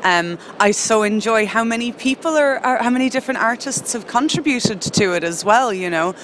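A woman's voice: fairly high pitch, animated, normal speed, a bit bright. A woman hosting a casual on-location podcast interview, chatty, informal and appreciative. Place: busy public exhibition space in city centre. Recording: noisy public space, urban background din. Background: people and urban ambience.

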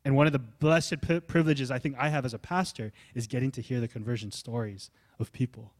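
A man preaching a sermon as pastor, swinging from loud emphasis to soft, low asides. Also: steady tone, brisk. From United States. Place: church hall.

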